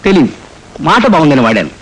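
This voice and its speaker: An actor playing a cantankerous older father who scolds in rapid bursts of mock-grand insults, in a film comedy. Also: on the high side, sing-song, fairly bright tone, slightly rough, exaggerated voice. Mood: scolding. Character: cantankerous old father, spouting invented insults.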